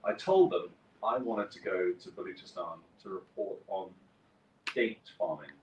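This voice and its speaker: A man's voice: low voice, measured pace, a little mellow, a little hiss or hum. A man in his forties, a journalist, giving a wry, conversational conference talk and telling his story. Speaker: guest speaker, journalist. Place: conference hall. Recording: echoey hall, distant mic, faint ambience.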